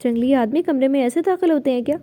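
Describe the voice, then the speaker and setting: A woman's voice: sits high, warm tone, voice pushed up, lightly acted. A woman voicing a stubborn young wife who talks back defiantly, in a storybook reading.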